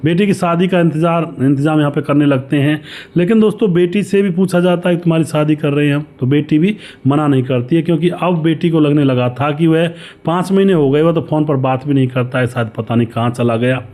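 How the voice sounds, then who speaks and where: A man's voice: a little high, brisk, mellow. A man narrating a story in a conversational way, often calling out to his listeners as friends and repeating himself.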